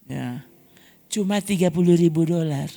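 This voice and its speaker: A male pastor with a Manado Malay accent, telling stories to his congregation with animated energy and calling out to them as he preaches. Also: fairly high pitch, unhurried, creaky. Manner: animated storytelling, calls out to the congregation. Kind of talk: sermon. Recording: echoey church hall.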